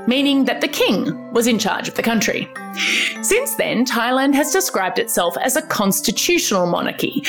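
Lively Australian woman hosting for kids. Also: mid-range voice. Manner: bright, upbeat storytelling. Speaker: kids' podcast host. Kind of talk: scripted educational narration for children.

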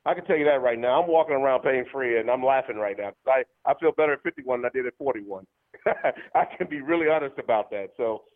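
A man in his fifties speaks as a radio guest over a tinny phone line. He talks fast at a middling pitch, eager and full of fillers. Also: lively intonation. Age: 50s. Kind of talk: phone-in interview.

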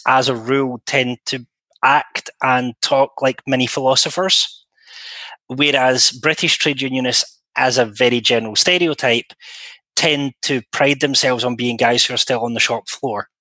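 A man's voice: mid-range voice, fairly even intonation, moderate pace, bright, forceful tone, no room sound, poor audio. A man in casual podcast conversation, thinking aloud with frequent hesitations and restarts. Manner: thoughtful, hesitant, many restarts. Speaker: interpreter guest.

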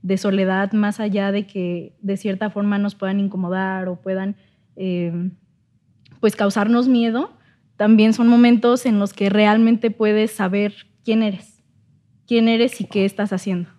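Young woman, flat mellow voice. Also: mid-range voice, unhurried. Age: young adult. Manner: gentle, encouraging. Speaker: psychology student guest. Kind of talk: casual podcast conversation.

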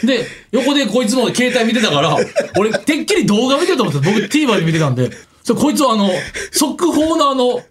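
A man with a Kansai accent co-hosting a radio show, teasing his partner in casual comedy banter. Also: extremely high pitch. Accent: Kansai Japanese. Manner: teasing, rapid and animated.

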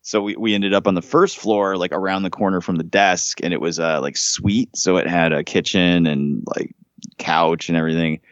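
A man with a very low voice rants through a story in casual podcast chat, swearing freely and getting animated. The recording is dry, with a dull, slightly muffled tone. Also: moderate pace, dry recording.

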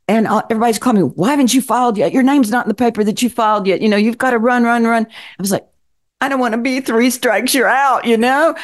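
This chatty podcast guest, a Kentucky city council member in her sixties from the Appalachian Mountains, trades stories and laughs a lot in casual conversation. She talks at a quick pace with a fairly high pitch.

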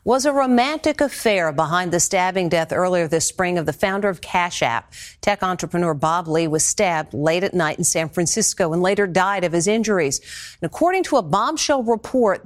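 Casting: American woman, TV news anchor, somewhat low pitch, scripted introductions.

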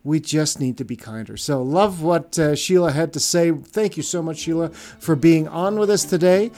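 A man's voice: a little high, moderate pace, darkish tone. A man co-hosting a podcast, talking earnestly in casual chat with many restarts. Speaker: podcast co-host.

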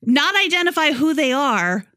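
A woman co-hosting a comedy podcast, skeptical and wry as she picks things apart. Her voice is high and bright, with a sharp edge. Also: sing-song, normal speed. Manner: wry, skeptical reading aloud. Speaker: podcast co-host. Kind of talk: casual comedic chat.

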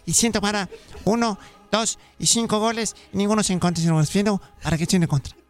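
A man's voice: very high-pitched, fairly quick, pushed and bright, clean tone, faint music behind. A man voicing a fussy, dramatic old female folk healer in a radio comedy sketch, who calls everyone "son" and rambles through mystical chants. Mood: chanting.

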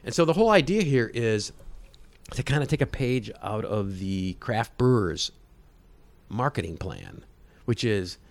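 A man's voice: lowish voice, big pitch swings, unhurried, creaky. A man in his mid-fifties, a guest in a casual interview. He explains things at length in a rambling way, often breaking off and restarting his sentences. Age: 50s. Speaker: guest, state agency head.

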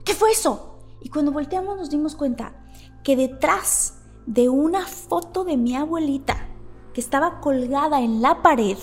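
Woman, Mexican accent, high voice, lively storyteller, soft music behind. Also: measured pace. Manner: animated storyteller with sound effects. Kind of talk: casual storytelling chat.

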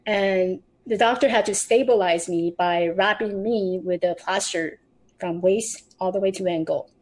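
A woman's voice: mid-range voice, unhurried, a little mellow, poor audio. A middle-aged woman from Taiwan, a podcast guest, recounting her personal story earnestly, with frequent restarts.

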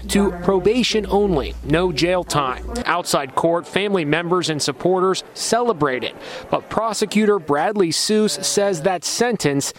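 A man narrating a news report in a measured, serious delivery. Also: high-pitched. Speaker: news correspondent.

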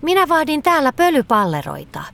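A woman's voice: high-pitched, sing-song, vocal fry, a bit bright, slight background noise, pitched above the performer's own voice, heavily acted. A woman voicing a timid, anxious little green fox companion in a children's story, talking in a fretful, half-whispered way. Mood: worried.

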